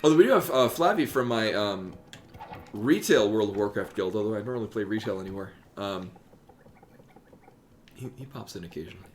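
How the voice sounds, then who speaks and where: A man's voice: on the low side, animated, fairly quick, long pauses, slight background noise. A man in his thirties chatting casually as he streams a game. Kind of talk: casual chat while playing. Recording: faint game music behind. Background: game music.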